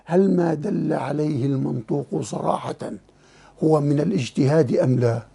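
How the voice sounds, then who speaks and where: A male teacher explains a classical text to his students, stopping to ask them questions and laughing as he goes. His voice sits high but sounds dark, with a strong gravelly fry. His talk is emotive and full of repeated words. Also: moderate pace. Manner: emotive and animated, often laughing and repeating words while he thinks; asks students rhetorical questions. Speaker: teacher of Islamic legal theory.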